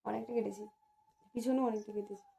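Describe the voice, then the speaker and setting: A woman's voice: mid-range voice, fairly even intonation, fairly quick, vocal fry, dark tone, a little hiss or hum. A woman in casual home chat, coaxing and teasing, repeating her requests. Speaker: wife.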